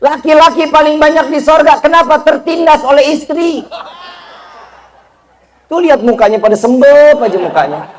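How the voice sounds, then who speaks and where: A man giving a lively, humorous sermon, speaking directly to the crowd and teasing them. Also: very high voice, moderate pace, long pauses. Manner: lively, joking, addresses audience directly with Betawi slang. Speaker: preacher.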